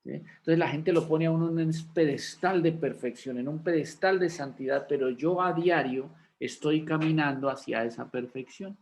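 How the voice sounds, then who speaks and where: A man's voice: on the high side, moderate pace, hardly any pauses, darkish tone. A man, a pastor teaching a class in a conversational sermon style, often checking in with rhetorical questions. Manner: folksy, asks rhetorical questions of listeners.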